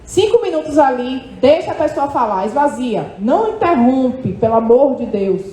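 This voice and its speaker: A woman psychologist giving an animated seminar talk to an audience, often checking in with quick tag questions. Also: high-pitched. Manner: animated, lively, questioning "tá?" tags. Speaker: psychologist speaking at a condo managers' event. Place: hotel event hall with audience. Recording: echoey hall.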